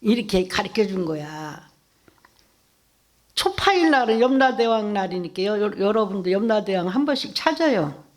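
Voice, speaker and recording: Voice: medium pitch, sing-song, moderate pace. A Buddhist monk giving a conversational sermon in a temple, often quizzing the audience. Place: temple dharma hall.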